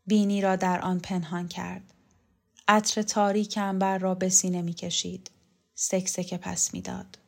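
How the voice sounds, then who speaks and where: A woman narrating a literary novel in a calm, measured reading voice. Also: lowish voice, creaky. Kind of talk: scripted audiobook narration of a novel.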